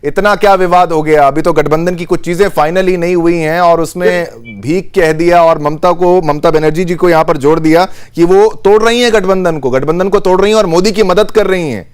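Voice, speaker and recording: A male TV anchor moderating a panel debate in a somewhat high voice. He presses each guest with pointed questions and keeps up quick hums of assent while they answer. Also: clear, resonant tone.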